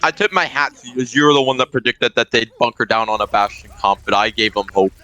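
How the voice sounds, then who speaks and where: A man's voice: medium pitch, fairly even intonation, fast talker, pushed and bright, poor audio. A man doing color commentary on an esports match, with joking, chatty banter.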